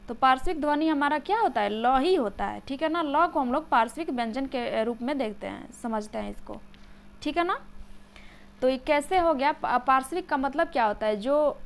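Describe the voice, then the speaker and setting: Woman teacher, high voice, patient exam-prep explainer who keeps asking if the class has understood. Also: expressive, gravelly. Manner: checks understanding with frequent "samajh gaye?"; slows down to dictate key terms. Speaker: Hindi grammar teacher.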